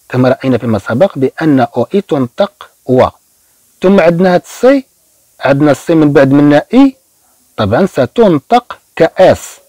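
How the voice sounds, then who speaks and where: A man with a Moroccan Arabic accent teaching beginner French, slowly and patiently repeating each phrase for learners. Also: on the high side, warm tone, no echo, rough recording. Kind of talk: beginner language lesson.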